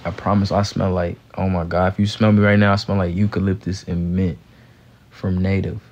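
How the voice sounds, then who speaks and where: A young American man with a low voice and heavy vocal fry talks casually to a livestream. He sounds tired and laid-back, with loose slang. The sound is slightly muffled, as from a handheld phone indoors. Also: little pitch movement, a little fast, darkish tone. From Gary, United States. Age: young adult. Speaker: live streamer, actor. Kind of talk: casual livestream chat answering comments. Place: small room indoors, lying down. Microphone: handheld phone at close range.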